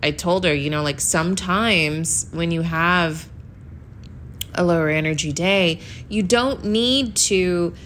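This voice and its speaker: A woman's voice: fairly low pitch, slow, fairly bright tone, a little hiss or hum. A woman hosting a podcast, talking casually in a rambling, chatty way with lots of fillers, feeling sleepy. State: sleepy, yawning. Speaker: podcast host. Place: New York.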